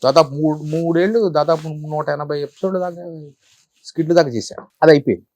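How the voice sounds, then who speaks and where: A middle-aged man and comedian, telling animated stories in an interview, repeating phrases for effect. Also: a little high, a little fast, no echo. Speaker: comedian guest. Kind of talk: storytelling interview.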